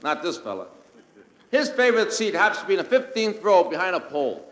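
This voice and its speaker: A man's voice: sits high, huge pitch swings, quick pace, a bit bright. Wisecracking Brooklyn comic man. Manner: wisecracking, brash. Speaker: comedian. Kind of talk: comic monologue on a radio variety show. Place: radio studio with live audience. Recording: old echoey radio broadcast with studio audience.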